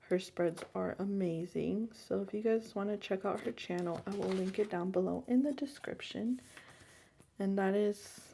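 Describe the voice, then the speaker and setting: A young woman chatting casually while decorating a planner, rambling on and sometimes dropping to a hush. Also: mid-range voice, normal speed, gravelly, a little hiss or hum. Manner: chatty, rambling, soft and hushed at times. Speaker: planner vlogger. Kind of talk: casual chat over plan-with-me crafting. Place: home room.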